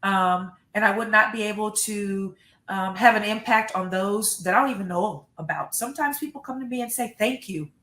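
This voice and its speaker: A woman's voice: medium pitch, moderate pace, pushed and bright, roomy sound. A middle-aged American woman, a school superintendent, giving earnest, emphatic interview answers and often repeating words. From United States.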